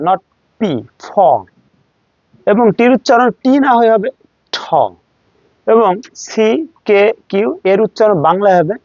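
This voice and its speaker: A man's voice: high-pitched, a little mellow, no echo. A man with a Bangladeshi accent teaching English pronunciation, drilling words aloud and contrasting wrong and right forms. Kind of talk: classroom-style lesson. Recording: dry, slightly muffled recording.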